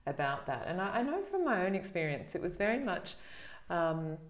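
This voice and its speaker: A middle-aged woman hosting an interview, speaking gently and reflectively with frequent pauses and fillers. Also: lowish voice, very animated, echoey room. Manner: gentle, reflective, with many ums and uhs. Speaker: host. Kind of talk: conversational interview.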